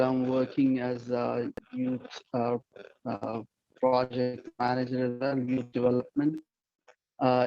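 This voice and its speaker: A man introduces himself to a panel with many hesitant pauses. His pitch stays narrow. The audio is dry and a little muffled, like a video call. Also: no echo. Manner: hesitant, filler-heavy. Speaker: panelist, peace activist.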